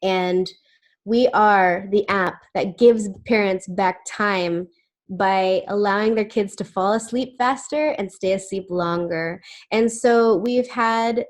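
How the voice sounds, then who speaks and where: On a video call, a woman fields webinar questions in a chatty way, full of fillers and restarts. Her voice is medium-pitched and she takes her time.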